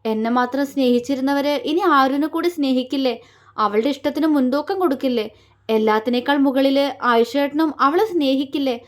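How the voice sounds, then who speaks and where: Woman voicing a remorseful young woman, halting, pleading, high voice, audio story. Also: close to an everyday voice. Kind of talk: audiobook character reading.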